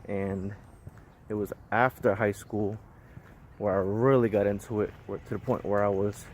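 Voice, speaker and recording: A man's voice: fairly low pitch, fairly even intonation, normal speed. Breathless man in his thirties walking outside. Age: 30s. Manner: rambling, chatty, laughs between thoughts. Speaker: vlogger. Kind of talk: casual vlog talk. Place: outdoors on a busy street, walking. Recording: outdoor recording with loud traffic and wind noise.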